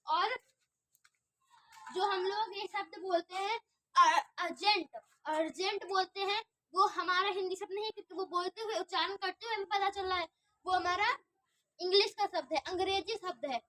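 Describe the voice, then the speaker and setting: A woman's voice: very high voice, moderate pace, bright, forceful tone. A woman teacher giving an online grammar lesson, asking questions and answering them herself and often checking whether the class understands. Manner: repetitive, restarts words while explaining.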